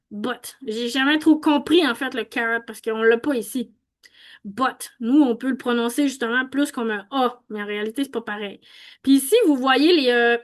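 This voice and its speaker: A woman's voice: high voice, a bit bright. A young woman with a Quebec French accent, casually explaining vowel sounds and thinking aloud as she goes, with many restarts and fillers. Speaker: host explaining phonetics.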